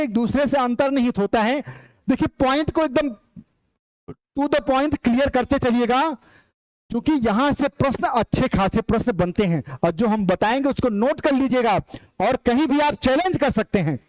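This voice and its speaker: A man's voice: extremely high pitch, lively intonation, moderate pace, no room sound, low-quality recording. A man teaching an exam-prep lecture, emphatic and repetitive, calling his viewers brothers as he drills key points. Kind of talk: online lecture.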